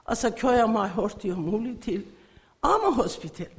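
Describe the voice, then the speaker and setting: A middle-aged woman from Iran, giving an emotional church faith testimony in halting phrasing. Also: a little high, big pitch swings. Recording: echoey hall.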